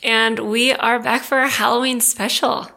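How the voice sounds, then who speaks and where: A woman co-hosting a podcast in casual chat, her voice hoarse, telling stories with a laugh. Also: a little high, flat delivery, normal speed, sharp tone. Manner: laughing, chatty storytelling. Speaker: podcast co-host. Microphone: studio mic with pop filter.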